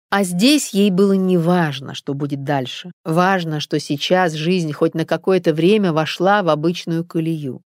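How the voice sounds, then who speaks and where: A woman reading a calm male detective who lays out his reasoning in a measured way. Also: on the low side, no room sound, studio quality, lightly acted. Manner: measured, explaining.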